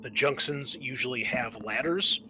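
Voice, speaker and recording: A man with a mid-range voice acts as game master, explaining a tabletop roleplaying game in a casual, halting manner. Crowd noise surrounds him, and the audio quality is poor.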